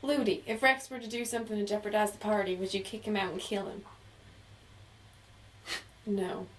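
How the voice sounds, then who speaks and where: A woman playing her character in a tabletop game, talking in a halting, puzzled, apologetic way. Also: mid-range voice, distant mic, a little hiss or hum, low-quality recording. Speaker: player voicing her character. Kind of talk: in-character tabletop role-play.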